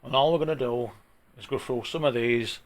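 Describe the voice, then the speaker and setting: A man with a broad Yorkshire accent talking through an informal software tutorial in a plain-spoken, chatty way, with a gravelly voice. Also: medium pitch, fairly quick. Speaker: tutorial presenter.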